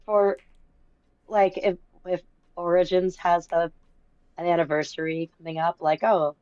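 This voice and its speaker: Lower-voiced woman guest on dry, dull call audio. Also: little pitch movement, measured pace, a little mellow, no echo. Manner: rambling, many fillers and restarts. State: losing her voice. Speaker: guest from a game publisher. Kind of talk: casual storytelling chat.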